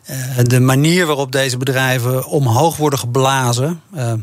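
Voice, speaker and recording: A man speaking as an investment manager guest, answering in a measured, matter-of-fact way. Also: medium pitch, fairly even intonation, dry recording. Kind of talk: radio finance discussion.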